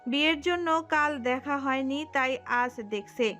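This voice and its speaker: High-voiced woman narrating a romance story. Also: unhurried, soft background music. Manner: expressive, storytelling.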